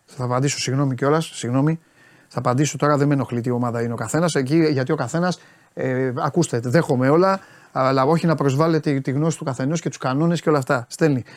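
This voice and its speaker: A man's voice: mid-range voice, steady tone. A man talking football on a live stream, animatedly answering and scolding viewers' messages.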